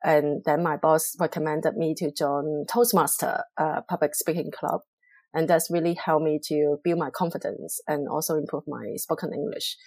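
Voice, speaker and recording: A middle-aged Hong Kong woman who works in public relations answers interview questions in a measured, reflective manner, pausing often and using fillers. Her voice sits low with a steady, darkish tone, and there is no echo.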